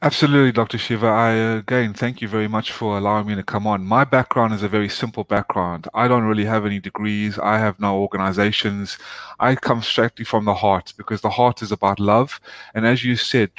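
Earnest South African-raised man, low voice. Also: no room sound. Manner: earnest, emphatic. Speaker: guest. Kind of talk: interview conversation.

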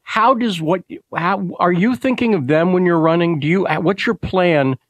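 A man's voice: high voice, normal speed, no room sound. A man in his fifties from Massachusetts, hosting an interview and building his questions conversationally. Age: 50s. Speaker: interview host.

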